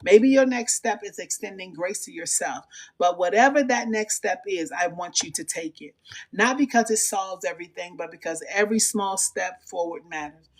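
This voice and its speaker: Steady devotional speaker, mid-pitched voice. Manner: measured, repetitive affirming cadence; speaks directly to the listener. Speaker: host of a faith and mental health channel. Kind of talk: devotional encouragement message.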